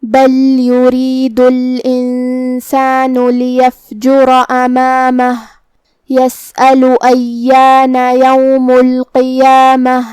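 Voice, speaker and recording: A woman teaching Quran recitation rules, explaining pronunciation slowly and carefully. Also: high voice, darkish tone, no echo. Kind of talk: tajweed lesson, explaining then reciting.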